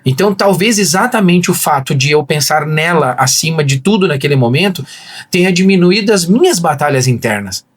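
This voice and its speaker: A man's voice: fairly high pitch, fairly quick, slightly rough. A man, a pastor, telling an emotional personal testimony in casual podcast talk, acting out dialogue as he goes. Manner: animated storyteller, acts out quoted dialogue.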